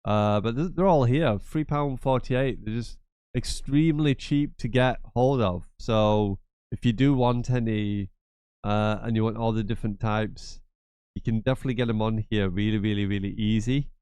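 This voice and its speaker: A man hosting a gaming channel gives a casual screen-share tutorial while stuffed up with a cold, his voice nasal and blocked. He talks on the low side at a moderate pace, darkish, clear, and resonant, in a dry recording. His manner is chatty and repetitive, with rambling asides.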